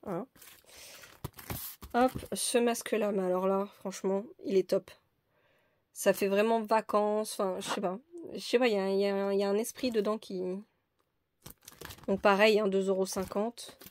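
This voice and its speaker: A woman's voice: mid-range voice, little pitch movement, normal speed, long pauses, a little mellow. A woman presenting a crafting haul in a casual, hesitant, chatty way with many fillers. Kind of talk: casual show-and-tell haul.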